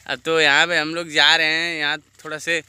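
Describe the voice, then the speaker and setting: A man's voice: a little high, level tone, a little fast, pushed and bright, clean tone, dry recording. A man vlogging outdoors beside farm fields, coaxing a little girl along and dropping simple English phrases into his talk. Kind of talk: casual outdoor vlog.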